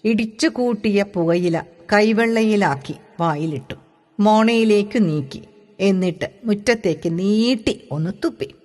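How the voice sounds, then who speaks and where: A woman narrating a novel chapter in a measured, expressive reading voice. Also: mid-range voice. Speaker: audiobook reader. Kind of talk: storybook reading. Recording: long reverb.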